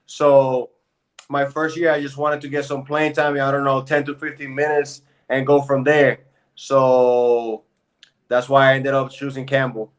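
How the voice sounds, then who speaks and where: A man's voice: medium pitch, flat delivery, unhurried. A man in his thirties from Puerto Rico, a pro basketball player telling his story in a laid-back, casual interview chat.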